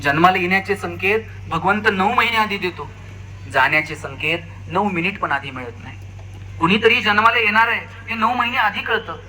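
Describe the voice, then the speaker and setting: A man's voice: normal speed, bright, forceful tone, rough recording. A man gives a motivational lecture on stage, telling funny stories. He acts out the dialogue, jumping between voices. The recording carries a faint background hiss. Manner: storytelling, acts out quoted dialogue with shifting pitch. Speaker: public speaker. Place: stage at a lecture series before an audience.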